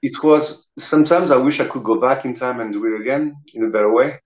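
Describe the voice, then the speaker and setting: A middle-aged rock guitarist and singer from the south of France, speaking with a French accent, tells casual anecdotes as an interview guest, hesitating and searching for words. His mid-range voice is fairly quick, heard over a roomy, dull video-call connection from an indoor room.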